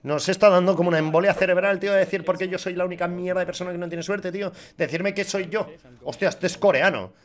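A man doing crude, joking, excitable reaction commentary on gaming clips. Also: high voice, fast. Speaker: gaming YouTuber.

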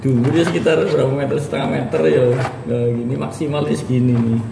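A man's voice: mid-range voice, fast, vocal fry. A man in his thirties with a Javanese accent, chatting and preaching through a casual unboxing vlog, filmed on a phone at arm's length in a small room. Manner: chatty, preachy asides, laughs often. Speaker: vlogger. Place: small indoor room with bare walls. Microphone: phone camera at arm's length. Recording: echoey room, distant mic, background noise.

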